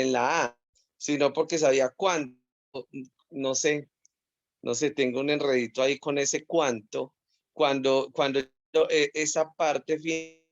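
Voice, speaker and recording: Hesitant and apologetic, a man with a Colombian Spanish accent repeats words while asking a course question about a spelling rule over a video call. His pitch is fairly high, and the dry, dull audio has no echo.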